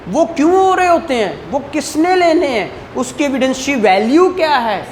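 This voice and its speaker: A woman's sing-song voice sits high and moves at a normal speed through an explanatory law lecture. She has a Pakistani accent, mixes Urdu with English legal terms, and often checks that students follow with short tag questions; the room recording is clearly noisy.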